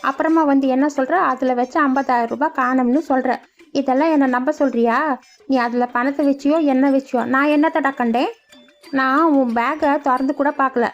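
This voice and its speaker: A woman voicing a shrill, scolding old village mother. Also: fairly even intonation, fairly quick, natural voice. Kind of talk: cartoon voice acting. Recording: dull lo-fi sound.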